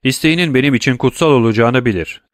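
A man's voice: mid-range voice, fast, dry recording, clean studio sound, pitched above the performer's own voice, natural voice. A man voicing a cold, stern magistrate father in an audiobook, curt and authoritative. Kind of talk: audiobook reading.

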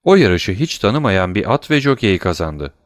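A man voicing a worldly, fatherly gentleman. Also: on the low side, very animated, moderate pace, dry recording, studio quality. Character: thirty-year-old gentleman, worldly and paternal.

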